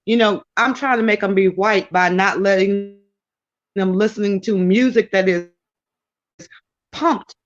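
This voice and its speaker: A woman's voice: mid-range voice, measured pace, long pauses. A woman calling in as a guest, talking emphatically and rambling with restarts over a crackly call line that keeps dropping. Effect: crackly, dropping remote call line. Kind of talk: casual talk show discussion. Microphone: remote call. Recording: dull lo-fi call audio.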